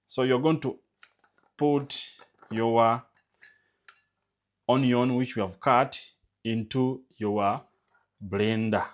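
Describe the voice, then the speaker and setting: In a casual instructional vlog about a home remedy, a man from Uganda speaks Ugandan-accented English at medium pitch with fairly even intonation, drawing out words and pausing often. He is emphatic, lifts his voice on key words, and keeps repeating his calls to subscribe.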